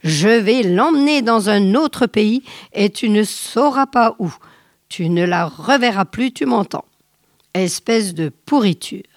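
A woman voicing an angry, threatening husband in a story read aloud, speaking slowly and evenly. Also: a little high, sing-song, dry recording, studio quality. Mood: furious.

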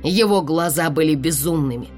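A woman narrating a dramatic first-person audiobook in an expressive way. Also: deep voice, normal speed, soft background music.

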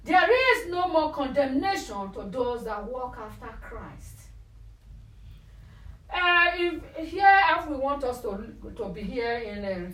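A woman's voice: high-pitched, fairly bright tone. Woman preaching in a roomy hall. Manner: emphatic, stretches out quoted scripture. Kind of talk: sermon with live translation. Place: church hall. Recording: roomy, distant mic, faint hum.

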